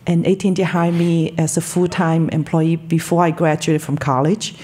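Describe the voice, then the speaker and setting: Woman from Hong Kong, fifties, dark husky voice, enthusiastic interview guest, studio mic. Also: low voice, level tone, moderate pace. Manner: earnest, enthusiastic, speaks with her hands. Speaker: guest, telecom marketing director. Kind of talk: interview conversation. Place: podcast studio. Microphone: studio mic on boom arm.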